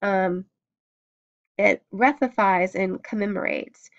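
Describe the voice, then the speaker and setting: Woman art history lecturer, halting and filler-heavy delivery, mid pitch, lo-fi recording. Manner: hesitant, many ums and restarts. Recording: dull lo-fi recording.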